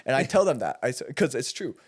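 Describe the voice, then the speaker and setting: Young man, quick talker, blunt, rambling, laughing, casual chat. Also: medium pitch, very animated, husky. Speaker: guest.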